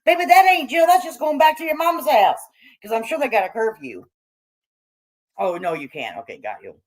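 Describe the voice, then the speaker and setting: On a laid-back livestream, an American woman, middle-aged or older and raised among hippies, reads her chat aloud and answers with joking, salty, slangy irreverence. Her pitch is slightly low, and she speaks animatedly and a little fast.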